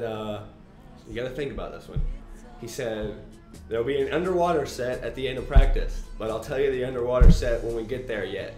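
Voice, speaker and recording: A man's voice: mid-range voice, a little mellow. A young man, a swimmer, telling a casual story about his coach. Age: young adult. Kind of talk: casual recollection. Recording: echoey room with faint music.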